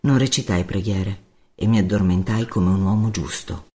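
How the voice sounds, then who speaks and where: A man's voice: deep voice, moderate pace, warm tone. A man narrating a first-person novel as an audiobook, in a wry, laconic storytelling manner.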